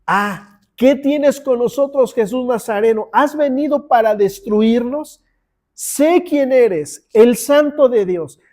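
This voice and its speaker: A man preaching who acts out the cry of an unclean spirit from scripture with loud, drawn-out shouting. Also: high voice, fairly even intonation, voice pushed up. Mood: shrieking accusation. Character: unclean spirit, shrieking and hostile. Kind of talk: dramatic scripture reading.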